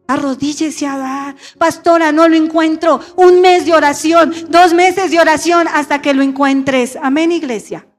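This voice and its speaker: A woman's voice: high voice, fairly even intonation, moderate pace, hardly any pauses, soft background music. A middle-aged woman pastor preaching a sermon and calling on her congregation to repeat phrases after her. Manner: call-and-response preaching, asking the congregation to repeat. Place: church sanctuary.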